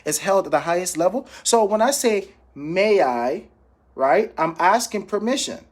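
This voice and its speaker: In an unhurried, high voice with lively intonation, a Jamaican sales coach who works in finance delivers an informal motivational training talk. He role-plays phone calls, emphatically repeats key phrases, and keeps checking in with the people listening.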